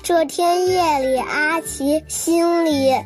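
A woman reading a children's story aloud in a gentle, expressive storytelling manner, over children's music. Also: extremely high pitch, takes it slowly.

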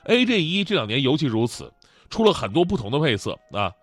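A man's voice: medium pitch, a little fast, slightly rough, no room sound. A man, hosting and telling funny stories lots of laughter. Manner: animated, joking, laughing often. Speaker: host. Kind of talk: comedic storytelling.

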